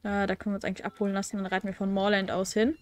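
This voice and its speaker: Racing through her words in a level, mid-range voice, a young woman with a cold hosts a casual let's play at home. She reads quest text aloud and keeps up wry, chatty commentary peppered with fillers and self-corrections.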